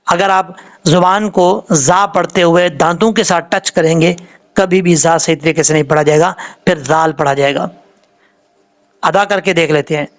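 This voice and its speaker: A man's voice: on the high side, fairly even intonation. A man, a Quran tajweed teacher giving a patient, step-by-step recitation lesson and repeating each sound.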